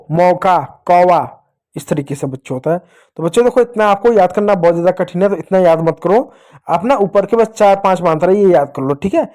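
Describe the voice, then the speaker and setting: Here a teacher of little ones leads a Hindi reading class with a high, dark-toned male voice. He stays playful, returning to "pyare bachchon" often and performing cries to help teach the sounds.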